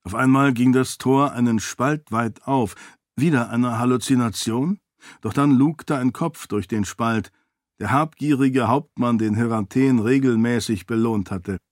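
A man reading a fantasy novel aloud in measured, even storytelling narration. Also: mid-range voice, dry recording, clean studio sound. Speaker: audiobook narrator. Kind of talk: scripted narration.

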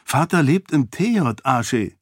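A headstrong young noblewoman, as a man voices her in a storybook reading, raised well above his usual pitch. She talks in quick, insistent bursts and will not be talked down. The sound is dry and close. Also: very animated, breathy edge, no echo, exaggerated voice. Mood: impatient. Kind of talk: audiobook character voice.

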